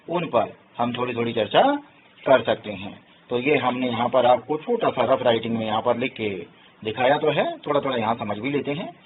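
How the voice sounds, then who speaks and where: A male teacher giving a patient grammar lesson, explaining word by word and often checking that students follow. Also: mid-range voice. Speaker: Sanskrit teacher. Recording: tinny phone-like sound, faint hiss.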